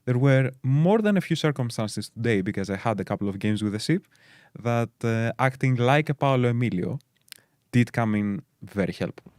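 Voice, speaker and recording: A Greek man with a Greek accent co-hosts a game stream, chatting casually and using lots of fillers as he explains game details. His mid-range voice is expressive and a little mellow at a moderate pace, captured as a dry, clean studio recording.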